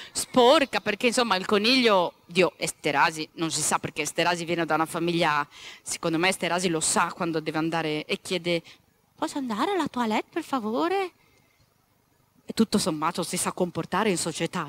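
Woman storyteller reading to children, lively, chatty asides. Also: fairly low pitch, brisk, slight background noise. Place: former convent venue.

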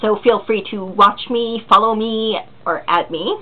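Early 20s girl vlogging, giggly and rambly, lots of um and like, middle pitch, tinny phone-ish sound. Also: measured pace. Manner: rambling and giggly, full of ums and likes. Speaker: vlogger answering viewer questions. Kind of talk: casual chat.

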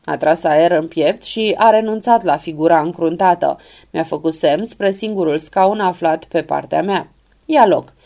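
A woman reading an audiobook in a measured, even storytelling manner. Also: fairly low pitch, gravelly. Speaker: audiobook narrator. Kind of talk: scripted narration.

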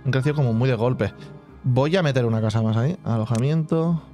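In this casual let's-play, a man who hosts a gaming channel narrates a building game in a relaxed, chatty way. He thinks aloud at an ordinary middle pitch and hums sound effects during pauses, over faint game music.

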